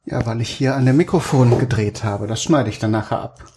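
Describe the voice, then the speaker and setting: A middle-aged man, a father, chatting casually and calmly instructing his child in the kitchen, with a dry sense of humor. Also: mid-range voice, fairly quick, noisy background.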